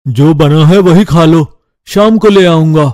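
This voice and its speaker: A man's voice: a little high, measured pace, darkish tone, no room sound, studio quality, close to an everyday voice. A man voicing an exasperated young husband.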